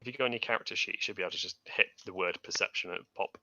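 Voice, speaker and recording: A man runs an online tabletop game as game master. His low voice has a sharp, forceful edge and a creaky fry. It is recorded dry, with slightly limited sound. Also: very fast, dry recording, muffled recording. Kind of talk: running an online tabletop role-playing game.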